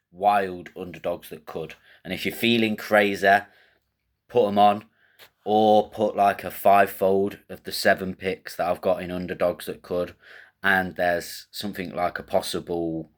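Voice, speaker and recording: A man with a lowish voice runs through fight picks and betting odds in a loose, rambling style. He thinks out loud, drops slang and swears casually as he goes. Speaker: host of a fight betting show.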